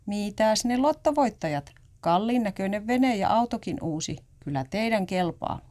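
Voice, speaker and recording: A woman voicing a man shouting taunts from a nearby boat, in a read-aloud story. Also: mid-range voice, big pitch swings, natural voice. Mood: taunting. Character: loud, mocking man on a boat.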